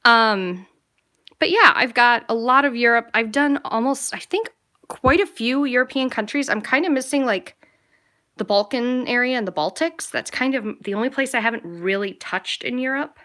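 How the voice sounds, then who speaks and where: A young adult American travel vlogger chats casually and enthusiastically with viewers in a live Q&A, rambling as she goes. Her slightly high voice is expressive, bright and forceful, at normal speed.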